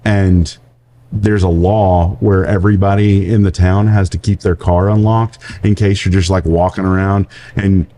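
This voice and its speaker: Podcast co-host, man in his forties, low and mellow, rambling storyteller. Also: little pitch movement, moderate pace, a little hiss or hum. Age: 40s. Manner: rambling storyteller, laughs often. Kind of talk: casual chat.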